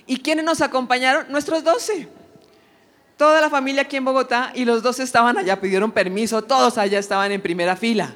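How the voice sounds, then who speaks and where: A woman giving an emotional church testimony, telling her story in an animated way and acting out the dialogue. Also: a little high, brisk. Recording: long hall reverb.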